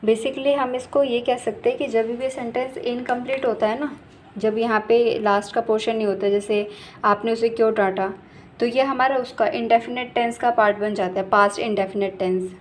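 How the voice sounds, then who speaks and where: A woman English teacher explaining grammar in a casual, patient way, often checking in and correcting herself as she goes. She slows right down to read out the English example sentences. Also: a little high, fairly even intonation, slight background noise. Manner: slow, deliberate reading of English example sentences; frequent "ठीक है" check-ins and self-corrections.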